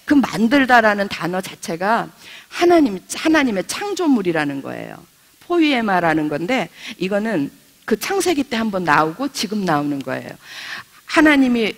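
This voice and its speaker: A middle-aged woman leads a Bible study with a bright voice that swings up and down in pitch. She is chatty, asks her listeners questions and laughs through her stories. Her voice carries the long reverb of a church hall. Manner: laughs while telling stories. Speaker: pastor's wife teaching a Bible study.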